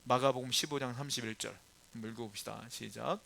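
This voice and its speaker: A man's voice: medium pitch, steady tone, quick pace, vocal fry, pushed and bright. A man preaching a sermon as a church pastor, talking to the congregation in a conversational way with rising, emphatic stresses.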